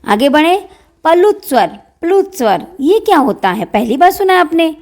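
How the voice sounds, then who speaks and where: A woman's voice: extremely high pitch, very animated, darkish tone. A woman teaching a grammar lesson, asking questions and answering them herself, and drawing out vowel sounds to show them. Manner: drawn-out demonstration vowels. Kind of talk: classroom-style grammar lesson.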